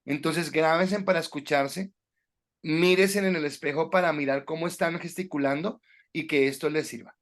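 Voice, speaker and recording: A man's voice: a little high, fairly even intonation, moderate pace. A man teaching a class on preaching, giving direct instructions to the students with frequent hesitations. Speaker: preaching instructor at a Bible school. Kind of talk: classroom lecture on sermon delivery.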